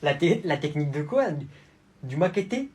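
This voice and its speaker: Brief: a man playing a boastful teen boy, mocking and deadpan, slightly high voice. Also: normal speed, rough recording. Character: cocky teen boy bragging about fighting.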